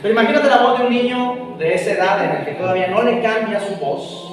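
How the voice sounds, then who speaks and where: A man's voice: sits high, fast talker, distant mic. A man preaching a sermon, telling a story with animation and acting out both sides of a phone call. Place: church hall. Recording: echoey hall, voice from afar.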